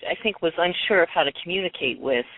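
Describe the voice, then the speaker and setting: Radio show caller heard over the phone: halting, full of ums, mid pitch, dry and tinny line. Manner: hesitant, many ums and restarts. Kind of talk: casual phone-in chat.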